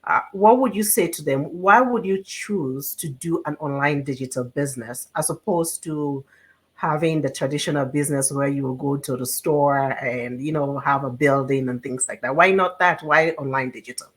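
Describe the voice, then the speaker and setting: A woman with a fairly low voice hosts a casual interview. She talks in an encouraging, conversational way and often checks in with her guest. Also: normal speed. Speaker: host.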